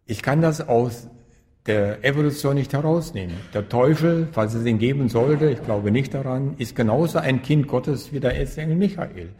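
A man speaks as a spiritual teacher in an interview, at a middling pitch. He is deliberate and emphatic and restates his central points to stress them. His voice carries a long, echoing hall reverb. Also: darkish tone. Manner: emphatic, repeats key phrases for stress. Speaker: guest, spiritual teacher and author. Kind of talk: reflective interview answers.

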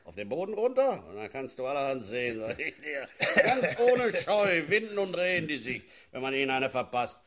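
A man's voice: medium pitch, moderate pace, hardly any pauses, crowd noise, close to an everyday voice. An actor playing a zealous policeman who gloats about using force in a satirical sketch. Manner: gloating, leering, lively. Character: zealous male riot policeman, relishing force. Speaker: policeman character.

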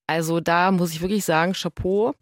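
A woman in her thirties, co-hosting a casual podcast and telling stories in a lively way. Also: lowish voice, fairly quick, no echo, studio quality. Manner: lively storytelling, acts out quoted voices. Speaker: podcast co-host. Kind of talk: casual chat.

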